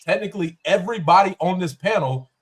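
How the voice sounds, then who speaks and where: A man's voice: sits high, animated, fast talker, slightly rough. A man hosting a podcast panel, arguing and challenging the other guests in a heated debate. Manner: argumentative, challenging. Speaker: podcast host.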